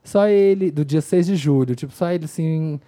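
Mid-pitch, mellow tone, chatty, laughs easily. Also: normal speed. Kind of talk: casual chat.

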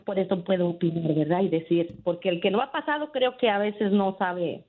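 A woman's voice: mid-range voice, fairly quick. A woman calling a radio show, telling a family story emphatically and checking in with "¿verdad?" often. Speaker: radio caller. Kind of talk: phone-in storytelling. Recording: tinny phone line.

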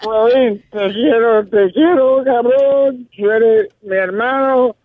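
A man doing a sappy loud drunk. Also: very high-pitched, slow, phone-quality sound. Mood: mushy drunk.

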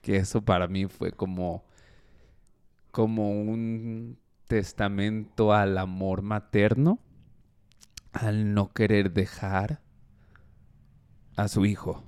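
A male podcast host from the United States speaks slowly and reflectively. His voice is very low and mellow, and the sound is dry and close. His tone stays clear and smooth throughout. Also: little pitch movement, dry recording. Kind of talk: casual conversation.

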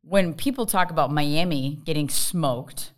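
A woman's voice: low voice, a little slow. A woman talking casually as a co-host and pundit on a sports podcast.

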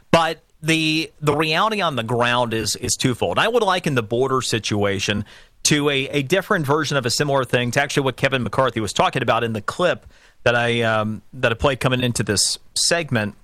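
American guy doing political talk radio, punchy bright voice, dry close mic, keeps restarting and repeating for emphasis. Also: medium pitch, dry recording. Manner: emphatic, repeats phrases for stress, stop-and-start. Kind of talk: political commentary on a call-in show. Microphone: close studio broadcast mic.

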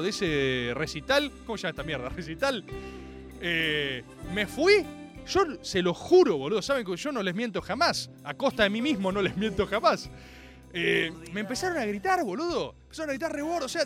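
A man with a Rioplatense Spanish accent hosting a comic monologue, animated, theatrical and full of slang. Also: sits high. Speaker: host.

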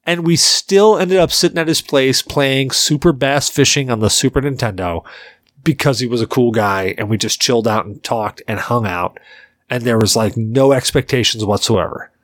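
A man's voice: mid-range voice, normal speed, fairly bright tone, no room sound. A man in his forties hosting a podcast, telling rambling stories in loose casual chat and swearing freely. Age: 40s. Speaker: podcast host.

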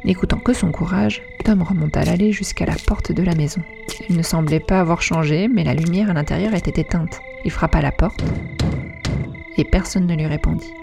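A woman narrating a story aloud in an even, dramatic telling. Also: on the low side, a little fast, vocal fry, soft background music. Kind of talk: storybook reading.

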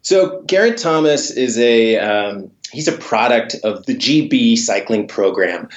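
A man's voice: mid-range voice, animated, measured pace, reverberant, lo-fi sound. A man speaking conversationally as an interviewed journalist over a remote connection. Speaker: cycling journalist guest.

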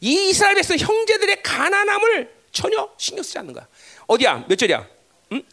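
A man's voice: sing-song, fast talker, vocal fry, bright, forceful tone. A man preaching a sermon, emphatic, constantly asking the congregation for agreement. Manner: emphatic, pitch swinging widely, constant tag questions to the congregation. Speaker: pastor.

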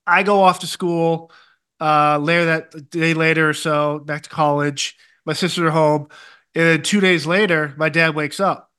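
A man's voice: on the high side, fairly even intonation, unhurried, sharp tone, clean tone. A man co-hosting a podcast, telling a personal story in casual, emphatic, colloquial speech. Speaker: podcast co-host.

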